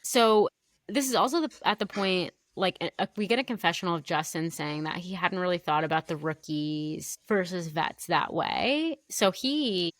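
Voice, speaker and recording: A young woman co-hosting a chatty recap podcast, her voice sitting on the low side. She tells the story briskly and jumps up in pitch whenever she quotes someone. The sound is close and dry, with no room around it. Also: no room sound. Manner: chatty, acts out quotes in a raised voice. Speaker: podcast co-host. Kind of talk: casual recap chat.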